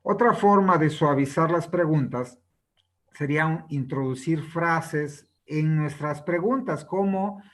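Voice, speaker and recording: A man talks through a sales book as a lesson, in a voice pitched a little above the usual for a man. He checks in with his listeners through a steady "no?" after his points and acts out sample questions to show how intonation changes them. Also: a little slow, poor audio. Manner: ends many phrases with a questioning "¿no?" tag. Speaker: presenter reviewing a sales book. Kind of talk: explanatory lesson.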